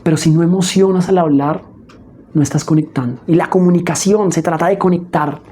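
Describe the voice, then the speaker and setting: A woman teaching public speaking in a spoken lesson, expressive and often checking in with her listeners. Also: fairly low pitch, a little fast, breathy edge. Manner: expressive, demonstrates emotions with her voice; frequent checking "¿sí?" asides.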